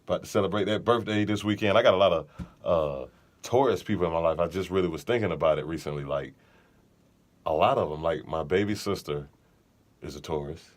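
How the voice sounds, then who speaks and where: Man, very low voice, podcast co-host, casual storytelling, joking. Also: fairly quick. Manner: storytelling, laid-back, joking. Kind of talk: casual chat.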